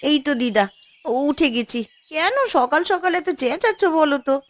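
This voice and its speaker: A woman's voice: sits high, expressive, normal speed, slight background noise. A woman voicing young village sisters in a cartoon, whiny and pleading. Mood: coaxing. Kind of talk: cartoon voice acting.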